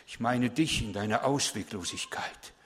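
Preacher doing god talking soft and slow, hushed, long church echo. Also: male voice, mid-range voice, lightly acted. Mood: tender, solemn. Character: gentle, quiet God addressing the listener.

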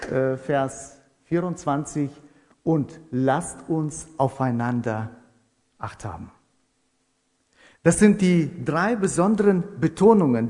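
Male preacher, measured and repetitive, warm low timbre, reverberant church hall. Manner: measured, repeats phrases for emphasis. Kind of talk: sermon.

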